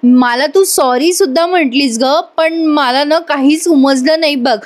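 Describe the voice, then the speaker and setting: A woman's voice: high voice, a little slow. A woman reading the lines of an anxious, apologetic young husband in a voice-over retelling of a soap episode. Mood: remorseful.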